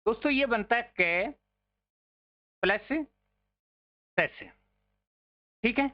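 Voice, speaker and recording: A man's voice: very high voice, animated, slow, highs cut off. A man teaching an online grammar lesson, patiently repeating words to drill their pronunciation and calling his listeners friends.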